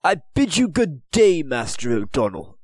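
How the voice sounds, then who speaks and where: A man's voice: fairly high pitch, big pitch swings, no room sound, clean studio sound, voice pushed up. A man doing a haughty, disgusted English lord. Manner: contemptuous, brisk and loud.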